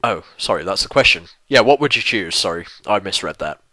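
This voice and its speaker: Young guy rambling thru a q&a, lowish voice, bright edge, swears a lot, laughs at himself. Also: expressive, brisk, no echo, poor audio. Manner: chatty and self-deprecating, swears freely, stumbles and restarts. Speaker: YouTube let's play host answering viewer questions. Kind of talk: casual rambling Q&A.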